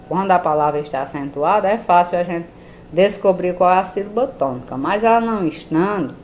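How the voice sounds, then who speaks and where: Brazilian teacher lady, low voice, slow careful syllables, says "né?" a lot, bit of background hiss. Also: darkish tone, low-quality recording. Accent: Brazilian Portuguese. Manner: slow, deliberate syllable-by-syllable pronunciation with frequent "né?". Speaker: primary school teacher. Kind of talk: recorded video lesson.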